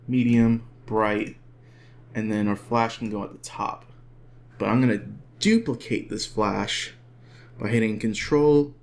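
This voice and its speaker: A man walks through a photo edit in an easygoing, chatty way and throws in asides and jokes as he clicks along. His pitch sits in a middle range, and he talks like someone alone at his desk, recording his screen. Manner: relaxed, chatty, jokes to himself while working. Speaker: photo editing tutor. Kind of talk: casual screen-recorded tutorial.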